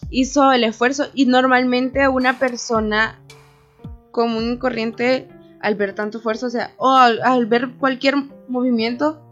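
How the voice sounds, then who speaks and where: Young woman, higher voice, casual storytelling, animated fillers, dull lo-fi sound, faint music underneath. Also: measured pace. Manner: animated, many fillers like "o sea". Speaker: radio show team member telling a story.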